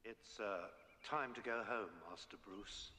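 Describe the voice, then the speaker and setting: A man voicing a proper, worried older butler with a formal, deferential manner in an animated cartoon. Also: fairly low pitch, measured pace, a little hiss or hum. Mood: grave concern. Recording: hall reverb, loud music underneath.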